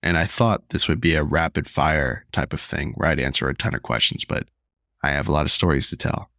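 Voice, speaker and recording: A man's voice: extremely low pitch, a little fast, fairly bright tone, no room sound, clean studio sound. A man hosting a solo podcast, talking in an earnest, confessional way while losing his voice and feeling unwell. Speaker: podcast host.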